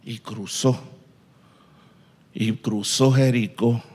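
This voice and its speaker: A man preaching a sermon, telling a story with lively sound effects and quoted voices. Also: mid-range voice, very slow, husky. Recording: long reverb in a large hall.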